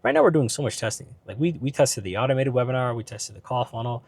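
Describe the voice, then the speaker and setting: A business vlogger speaks fast and expressively while driving, his mid-range voice creaky and darkish, with no room sound. He's ill and his voice is going; the talk is casual and rambling, packed with fillers, asides, and repeated "right?"s.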